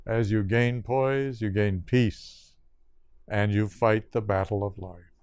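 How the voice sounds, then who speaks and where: Older male yoga teacher giving a spiritual talk; slow, measured phrasing in short lists, crisp voice. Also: on the low side, fairly even intonation, darkish tone, dry recording.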